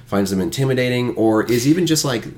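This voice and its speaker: A man's voice: mid-range voice, expressive, fast talker, darkish tone. A man hosting a casual podcast conversation, talking in long runs and making jokes.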